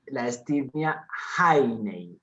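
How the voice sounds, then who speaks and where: A man of ordinary pitch weighs in carefully, stressing correct pronunciation with a pedantic precision. His audio sounds dull and lo-fi. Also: expressive, drawn-out words, pushed and bright, a little hiss or hum.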